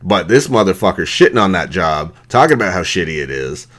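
A man's voice: deep voice, sing-song, fairly quick, a bit bright. A man in his thirties hosting a podcast, bluntly mocking someone with heavy swearing and laughter. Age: 30s. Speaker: podcast host. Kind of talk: profane ranting commentary.

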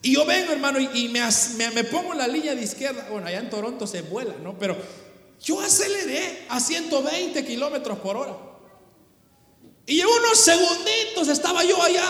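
A male pastor preaching a sermon, impassioned, sometimes shouting and slowing down for emphasis. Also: very high voice, big pitch swings. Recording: echoey hall with long reverb.

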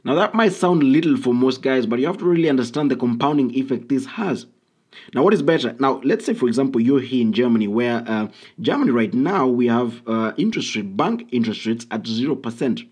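A man's voice: medium pitch, expressive, a little fast, a little mellow, slightly rough. A man hosting a solo podcast, talking casually and bluntly with frequent ums and uhs. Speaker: podcast host.

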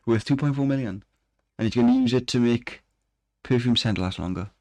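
A man co-hosts a casual chat, reading strange news items aloud and adding dry jokes between them. His voice sits at an ordinary pitch and is recorded close and dry, with no room sound around it. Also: fairly quick, darkish tone, no echo. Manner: laughs often, reads news aloud with dry asides. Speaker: podcast co-host.

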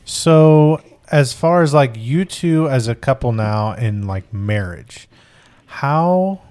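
A man hosting a casual podcast conversation, relaxed and rambling, with many "like"s. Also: mid-range voice, slow. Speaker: podcast host.

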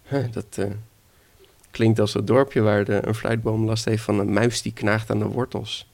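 A man voicing a sleepy, suspicious devil who yelps when woken and grumbles in a gravelly voice. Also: lowish voice, level tone, moderate pace, a little mellow. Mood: grumpy. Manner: yelping, indignant outbursts.

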